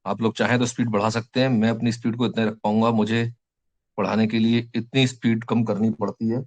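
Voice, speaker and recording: A male teacher with an Indian English accent giving a lecture, slowly dictating English phrases word by word between explanations. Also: fairly low pitch, little pitch movement.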